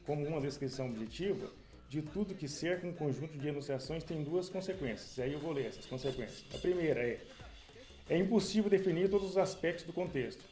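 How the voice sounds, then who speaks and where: Halting man discussing a text, echoey. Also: on the high side, animated, dark tone, faint music behind. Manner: halting, repeats words while reading a text. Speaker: seminar participant. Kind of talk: academic discussion.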